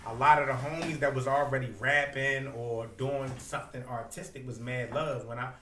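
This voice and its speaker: A man with a Baltimore accent telling stories casually as an interview guest, in slangy, unfiltered, animated speech. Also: mid-range voice, moderate pace, slight background noise. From Baltimore, United States. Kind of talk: casual conversational storytelling.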